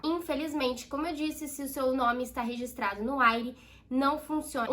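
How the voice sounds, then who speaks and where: Young brazilian woman vlogging, brazilian portuguese accent, high voice, keeps talking straight to her viewers. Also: fairly bright tone. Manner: chatty, addresses viewers as "gente". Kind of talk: direct-to-camera explainer.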